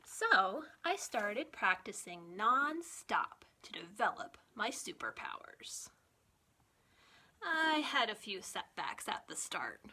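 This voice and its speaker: For an audience of young children, a female librarian reads aloud from a picture book in a medium-pitched voice. She delivers it with the expressive, deliberate pacing of storytime.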